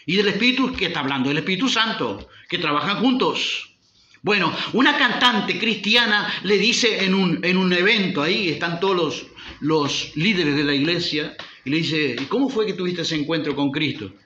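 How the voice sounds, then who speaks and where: Man, pastor, emphatic sermon, fairly high voice, echoey church hall. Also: expressive, normal speed, bright, forceful tone, highs cut off. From Uruguay. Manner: emphatic preaching with rhetorical questions.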